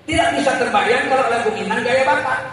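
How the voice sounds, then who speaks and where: A man delivers a jokey, lively sermon in a mosque and keeps pitching questions at the congregation. His voice is very high and his pace unhurried. It carries from a distance through a long-reverberant hall with steady noise behind. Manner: lively, jokey, quizzes the crowd. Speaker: preacher. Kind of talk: humorous Ramadan sermon. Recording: echoey mosque hall from far off, noisy.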